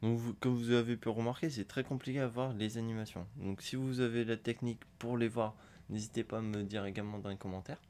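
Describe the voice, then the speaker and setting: A gaming YouTuber with a cold, his voice hoarse, casually chats while opening packs in a football video game, rambling with plenty of hesitations. He talks fast at a medium, steady pitch, with background noise audible.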